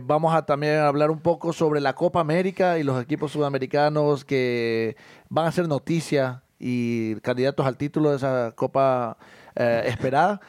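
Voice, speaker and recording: A man's voice: a little high, a little mellow, no echo, clean studio sound. A man hosting a casual sports podcast, upbeat and laughing, with many hesitant fillers. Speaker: podcast host.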